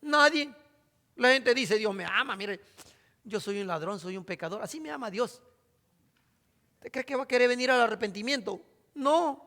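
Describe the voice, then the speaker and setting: A man preaching a sermon, dropping to hushed asides and then reading scripture out loud with force. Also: high-pitched. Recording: hall reverb.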